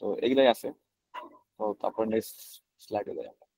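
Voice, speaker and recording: Fast-talking man giving a slide lecture. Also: fairly low pitch, fairly even intonation, darkish tone, dry recording, low-quality recording. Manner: conversational, many fillers and self-corrections.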